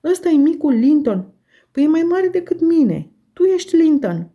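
A woman reading aloud voices Catherine, a lively, impulsive teenage girl who speaks eagerly and affectionately. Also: mid-range voice, lo-fi sound, close to an everyday voice. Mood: delighted surprise.

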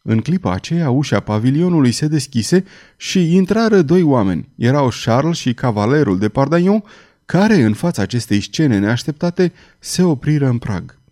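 A man narrating an audiobook with a dark, mellow tone at medium pitch. His reading is steady and measured, carrying a dramatic historical tale.

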